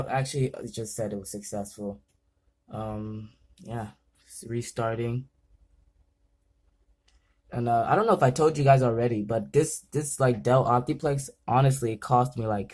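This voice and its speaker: A man's voice: medium pitch, a little slow, pauses often, a little mellow. A young man hosting a casual gaming vlog, nervous and rambling, often stumbling over his words. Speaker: gaming channel host.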